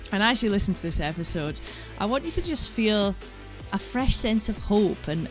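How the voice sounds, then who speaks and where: A woman with a Shetland Scottish accent speaks as a podcast host, introducing and interviewing. Her voice sits a little low for a woman, with music behind it.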